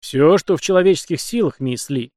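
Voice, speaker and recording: A man voicing a stern older male naval captain who speaks in a gruff but courtly, commanding way. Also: on the high side, expressive, fairly quick, a little mellow, dry recording, studio quality, pitched above the performer's own voice, close to an everyday voice. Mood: gallant.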